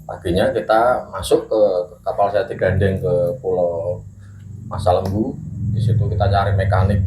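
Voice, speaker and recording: A middle-aged man telling a ghost story in casual chat, measured and unhurried, clearing his throat now and then. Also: low-pitched, little pitch movement, mellow. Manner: measured storytelling with pauses and occasional coughs. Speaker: guest storyteller. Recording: echoey room with faint noise.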